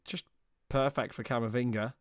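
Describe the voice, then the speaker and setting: Casual live commentary and viewer chat fill this watchalong stream, as a young man calls a football match and trades banter with chat in a chatty, back-and-forth way. His voice is medium in pitch with fairly even intonation and a normal speed. The recording is dry and studio quality.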